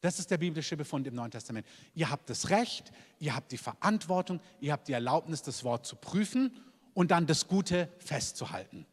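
A man's voice: fairly high pitch, sing-song, moderate pace. A man preaching a sermon as a pastor, emphatic, punctuating points with repeated calls of "Amen". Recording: long hall reverb.

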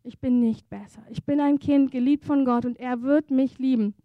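A woman preaching a sermon at a church service, earnest and intimate, moving between hushed softness and fervent emphasis. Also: high-pitched, fairly even intonation, moderate pace, no room sound, narrow, tinny audio.

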